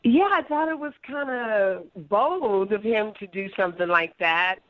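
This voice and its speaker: A woman's voice: medium pitch, unhurried. A woman heard over the phone, talking in a laid-back, matter-of-fact way in casual chat. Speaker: caller. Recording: dull, dry phone line.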